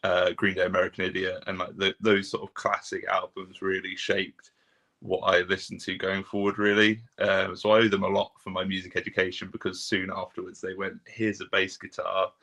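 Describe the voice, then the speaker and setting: A man in his twenties, a band's bassist, answering interview questions in a relaxed, rambling way. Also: fairly quick. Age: 20s. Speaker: band member, bassist.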